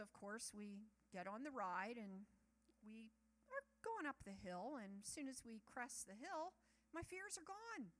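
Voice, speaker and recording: Middle-aged woman, bright and a little high, animated storyteller addressing a crowd. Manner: chatty, animated storytelling with asides to the audience. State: nervous about public speaking. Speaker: speaker at a church talk. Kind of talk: personal talk to an audience.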